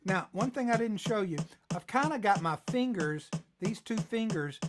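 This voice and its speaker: A man teaching a ukulele lesson on a live stream, talking in a relaxed way while he plays and calls out tempos. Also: sits high, moderate pace, heavy background noise. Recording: loud ukulele playing under the voice.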